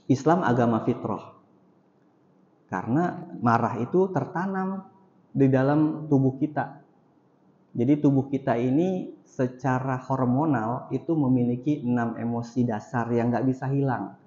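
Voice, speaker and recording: A man's voice: mid-range voice, warm tone, slight background noise. A man giving an Islamic study lecture in a mosque, repeating each point for emphasis. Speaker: Islamic teacher. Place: mosque hall. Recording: echoey hall, dull lo-fi sound.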